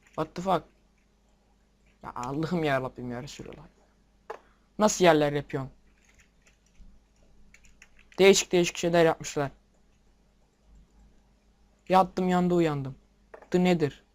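Excitable young man commenting on a game. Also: fairly high pitch. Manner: excitable, swears at the game, talks to viewers. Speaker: gameplay video maker. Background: keyboard and mouse clicks.

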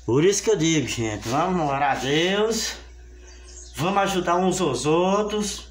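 A man's voice: fairly high pitch, lively intonation, measured pace. An older Brazilian man, sick with fever, rambling and pleading with his viewers while he cleans up a small home kitchen, filmed on a phone camera set on the counter. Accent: Brazilian Portuguese. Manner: rambling, pleading, repeats himself. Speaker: family channel vlogger. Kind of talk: casual vlog appeal to viewers. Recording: echoey kitchen with faint ambience.

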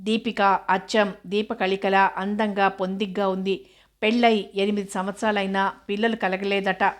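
A woman narrating a story in a steady, unhurried reading. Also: mid-range voice.

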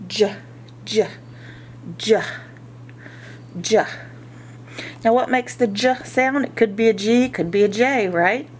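Very slow woman sounding out words syllable by syllable. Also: a little high, a little hiss or hum. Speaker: phonics teacher. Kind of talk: instructional phonics lesson.

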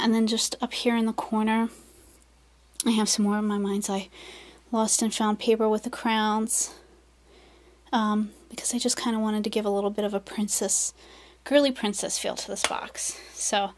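Gushing soft-spoken woman crafter. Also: a little high, steady tone, normal speed. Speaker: craft vlogger. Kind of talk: casual show-and-tell.

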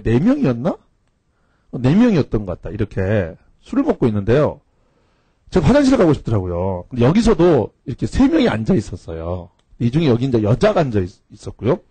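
A man's voice: mid-range voice, wildly swooping pitch, brisk, warm tone, husky, no echo. A man teaching a cram school class, telling a funny story to his students in a casual, slangy way. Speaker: cram school English instructor.

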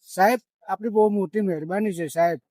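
An older man speaks in a high, tearful voice. He pleads and weeps through the interview, and the sound is dry and close. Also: fairly quick, mellow, no room sound. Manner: tearful, pleading, breaks into comic newspaper patter. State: crying. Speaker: former comedian and magician, now homeless. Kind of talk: emotional interview. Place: outdoors.

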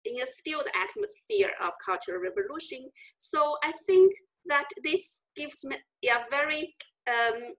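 Chinese-accented woman, 40s, high voice, earnest reflective answers, video call. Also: poor audio. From China. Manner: earnest and reflective, lively pitch swings. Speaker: interviewed scholar. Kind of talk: interview over video call. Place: indoor room with bookshelves.

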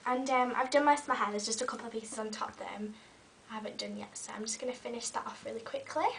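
This beauty vlogger, a young woman fighting a cold, talks fast and a bit brightly in a steady tone while curling her hair, with plenty of ums. Her fairly high voice has a slight croak. The webcam sits some distance away in her small bedroom with fairy lights, leaving her slightly distant over a faint hiss.

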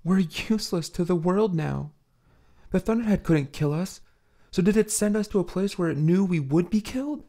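A man's voice: high-pitched, animated, moderate pace, dark tone, pitched above the performer's own voice. A man voicing a shaken woman director in an audiobook, dazed and despairing.

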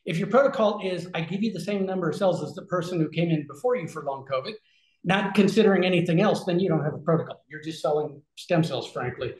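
In an echoey small room, a man in his forties talks over a webcam with a somewhat high voice. He explains at length in a loose conversational way, full of fillers and restarts, gesturing as he speaks. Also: quick pace. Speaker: regenerative health concierge. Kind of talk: casual explanatory talk on a video call. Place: small room with shelves, indoors. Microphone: video call webcam.

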